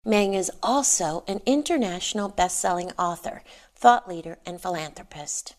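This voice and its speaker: A woman hosting a podcast, reading a slow, deliberate introduction and asking interview questions. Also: lowish voice, lively intonation. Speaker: podcast host.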